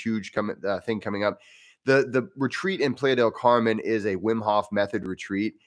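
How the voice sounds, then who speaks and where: An American man hosting a casual, unscripted livestream in an informal, rambling way, often hesitating and repeating phrases. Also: fairly low pitch. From United States. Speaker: livestream host, breathwork instructor and English professor.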